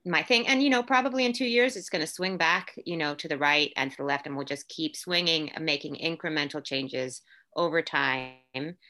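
Speaking at normal speed in a low, sharp-toned voice, the young adult woman, Puerto Rican by birth and raised in Orlando, Florida, talks casually as a guest. The actor is chatty, restarting sentences often and leaning on fillers.

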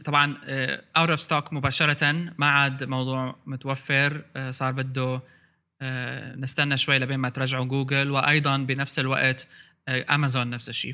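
A man's voice: mid-range voice, pushed and bright. A man with a Levantine Arabic accent chatting casually about tech as a podcast host, mixing English terms into his Arabic.

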